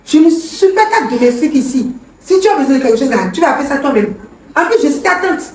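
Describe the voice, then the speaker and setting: A woman playing a defiant, sharp-tongued young sister who shouts back indignantly. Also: sits high, lively intonation, fast, slight background noise. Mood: shouting defiantly. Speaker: actor in a web skit. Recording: echoey room, far from the mic.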